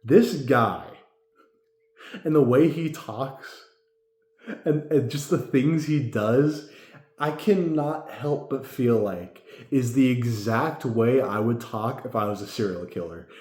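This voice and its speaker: A man's voice: medium pitch, slow, a little mellow. A man giving a casual movie review in tipsy, rambling drunk talk, emphatic, repeating himself and swearing. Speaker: amateur film reviewer. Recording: echoey room.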